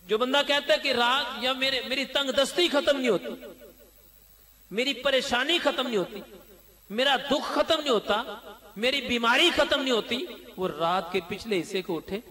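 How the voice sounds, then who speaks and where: A man's voice: very high-pitched, moderate pace, sharp tone. A man preaching a sermon, exhorting listeners with chanting repetition. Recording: long hall reverb.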